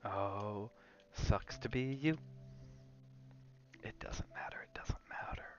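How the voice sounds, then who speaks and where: On an ASMR gaming livestream, a male streamer chats casually, rambling and drifting between chat and game reactions. His voice is on the low side and slow, with the highs cut off and soft music underneath.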